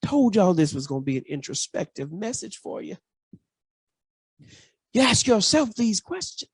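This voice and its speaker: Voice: medium pitch, very animated, moderate pace, slightly rough, no echo, clean studio sound. A pastor preaching a sermon, building emphasis through rhetorical questions and repeated phrases. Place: church.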